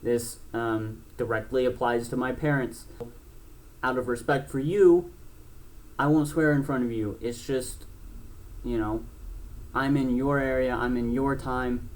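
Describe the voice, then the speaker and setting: A man in his twenties, a gaming YouTuber, talking casually and bluntly to camera, rambling with many restarts and fillers. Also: mid-range voice. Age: 20s. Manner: blunt and frank, swears.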